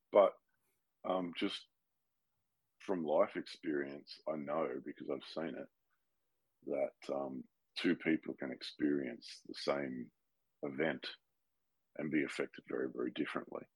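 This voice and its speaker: A man with a very deep, husky voice chats easily in a reading group, sharing his thoughts. His sound is close and dry, with no room echo. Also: expressive, unhurried, pauses often. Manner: easygoing, laughs while talking. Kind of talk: casual book discussion.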